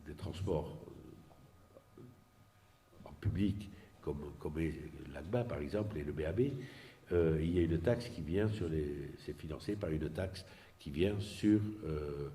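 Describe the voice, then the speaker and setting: Speaking at an extremely low pitch with a mellow quality, a man explains politics without a script, pausing and repeating words as he gropes for what comes next. There is slight background noise.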